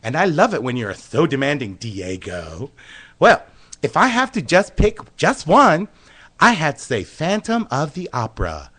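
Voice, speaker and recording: A man's voice: a little high, big pitch swings, a little slow, a bit bright, exaggerated voice. A man playing a flamboyant, flirtatious male dance instructor who gushes giddily, in a comedy radio sketch. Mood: giddy. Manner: gushing, giddy and flirtatious.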